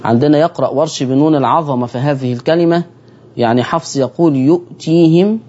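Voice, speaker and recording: A man's voice: medium pitch, quick pace, a little mellow, muffled recording. A man with an Egyptian accent teaching Quran recitation on a broadcast lesson, speaking straight to his listeners and repeating key phrases.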